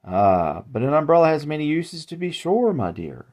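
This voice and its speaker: A man's voice: fairly high pitch, big pitch swings, normal speed, a little mellow, voice pushed up. A man voicing an old male umbrella salesman who is polite and sinister, with courtly, folksy, old-fashioned phrasing.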